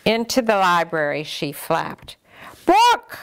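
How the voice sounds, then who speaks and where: An older woman gently and expressively reading a picture book aloud to children as a storyteller. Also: fairly low pitch, lively intonation, slow, clear, resonant tone.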